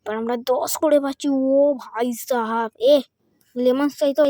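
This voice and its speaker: Excitable woman gamer. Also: high-pitched, moderate pace, dry recording, studio quality. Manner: excitable, mixes Hindi phrases, counts numbers aloud. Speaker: gaming channel host. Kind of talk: excited gameplay commentary.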